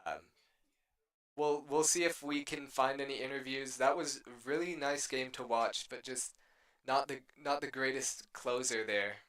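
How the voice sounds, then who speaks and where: A man's voice: medium pitch, steady tone, a little slow, a bit bright. A man casting and discussing a competitive video game match as a live commentator. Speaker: esports match caster and interviewer.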